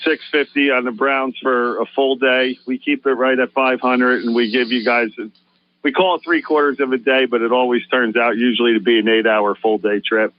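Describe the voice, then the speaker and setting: A man's voice: mid-range voice, fairly even intonation, normal speed. A man who runs a fishing charter, a guest on a radio show, explaining things in an easygoing way with lots of fillers. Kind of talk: casual radio interview. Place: radio studio. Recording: dry, dull lo-fi radio audio.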